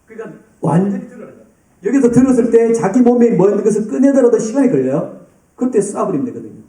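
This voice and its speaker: Male youth pastor, lively sermon, dark mellow tone, echoey church hall from a distance. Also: high-pitched, fast talker. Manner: lively, addresses students by name and acts out scenes.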